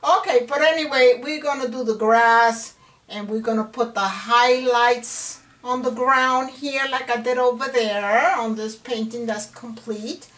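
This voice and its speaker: A woman's voice: on the high side, steady tone, a little slow, fairly bright tone. A middle-aged woman giving a casual painting lesson, encouraging and chatty, sometimes dropping to a whisper as she works. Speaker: painting instructor. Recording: distant camera mic with faint room noise.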